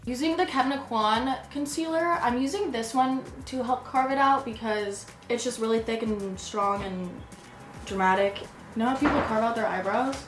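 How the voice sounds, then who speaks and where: A young woman makeup vlogger giggles tipsily while chatting her way through a tutorial, her voice a little high at a moderate pace. The room is echoey, with background music.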